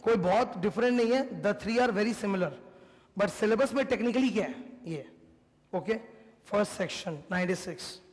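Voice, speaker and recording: A man's voice: high-pitched, lively intonation, unhurried. Emphatic Indian male teacher in a reverberant hall. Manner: mixes Hindi with English, emphatic, repeats points. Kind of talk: classroom lecture.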